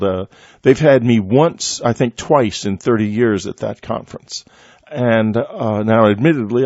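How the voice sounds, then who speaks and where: Older male host, low-voiced, recounts a personal experience slowly with restarts; dull, dry lo-fi recording. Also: a little mellow, dry recording. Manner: halting, reflective, with many restarts. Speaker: radio host. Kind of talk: first-person storytelling interview.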